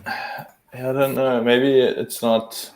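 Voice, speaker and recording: A man's voice: medium pitch, level tone, takes it slowly. A man on a video call, puzzled and troubleshooting aloud as he works. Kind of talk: casual livestream chat.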